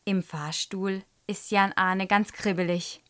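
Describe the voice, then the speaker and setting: Slow, clear storybook reader, woman, mid-pitched, for a children's book presentation. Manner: slow, lively storybook reading. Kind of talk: reading a story aloud.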